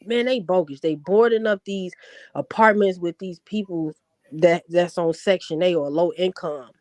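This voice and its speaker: A woman's voice: on the low side, normal speed, a little mellow, no room sound. A woman with a Chicago accent tinged with the South, chatting as a guest, laughing often and repeating words as she starts. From born in Florida, raised in Chicago. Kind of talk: casual chat.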